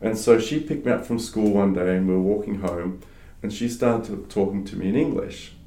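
A low-voiced man from Australia whose first language is French appears as a startup advisor in a casual interview. He speaks a little fast in a relaxed way, with many fillers and restarts. The room adds a noticeable echo.

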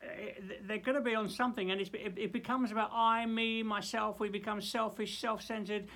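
A man preaching informally in a loft, teaching from the Bible in a halting, exclamatory way and repeating himself as he goes. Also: high voice, flat delivery, sharp tone.

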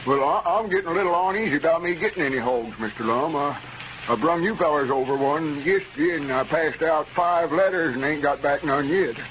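Man as a high-voiced naive country bumpkin. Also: fairly quick, a bit bright, lightly acted. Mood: uneasy. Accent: rural Southern US. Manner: naive, hesitant, deferential. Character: simple, uneasy young country bumpkin man. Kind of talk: 1930s radio comedy acting. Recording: dull vintage radio recording, faint noise.

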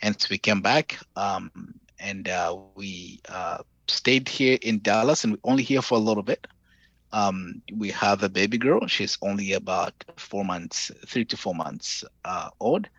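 Zambian man, thirties, podcast guest on video call, low and earnest, muffled sound. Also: animated, a bit bright, no room sound. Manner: earnest, measured, hesitant with fillers. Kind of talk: remote interview over video call.

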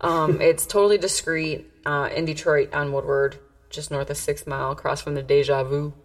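A woman's voice: low voice, steady tone, moderate pace. An American woman co-hosting a casual podcast chat, joking and slangy, swearing freely. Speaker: podcast co-host.

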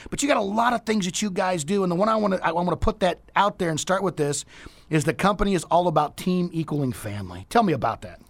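A man hosting a radio talk show in a lively promotional style, exuberant and hyping things up with a preachy streak. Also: sits high, fast, no echo.

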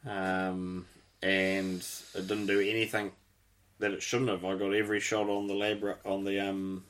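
Man, very low voice, casual chat, rambling, technical, swears casually. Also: bright, forceful tone.

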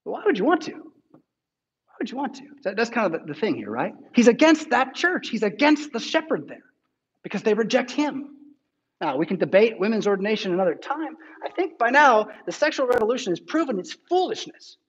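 Guy pastor preaching, kinda high voice, chatty asides, muffled lo-fi recording. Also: very animated, fairly quick, slightly rough. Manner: conversational preaching with scripture reading, frequent "right?" asides. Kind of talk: sermon.

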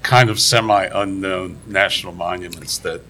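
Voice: steady tone, unhurried, sharp tone. A podcast host chatting casually during an interview. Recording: rumbly background noise.

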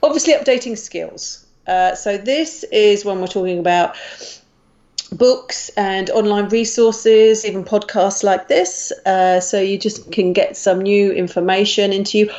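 An Australian woman talks through career advice in a relaxed podcast chat. She speaks at a middle pitch and is chatty, with frequent ums and restarts. The sound is a little dull and lo-fi. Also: unhurried. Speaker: career coach guest. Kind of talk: podcast conversation.

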